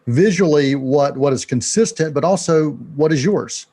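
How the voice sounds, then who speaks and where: A middle-aged man hosting a video call interview, asking long measured questions from a home office studio mic. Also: fairly high pitch, mellow. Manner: measured questions with many uh fillers. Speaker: interview host.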